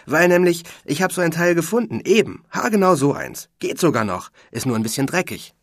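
Storybook figure: gushing teenage boy, high and loud, read by a man. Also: lively intonation, no room sound, studio quality. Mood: excited. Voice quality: breathless, gushing, rushes words. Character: excited chattering teenage boy.

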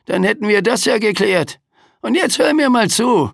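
A man's voice: sits high, expressive, normal speed, creaky, dry recording, clean studio sound, voice pushed up, full character voice. A man voicing a grumpy, overworked male Grim Reaper skeleton in an audiobook, grumbling and cheeky. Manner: grumbling, cheeky, tags questions with "hä". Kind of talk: audiobook character voice.

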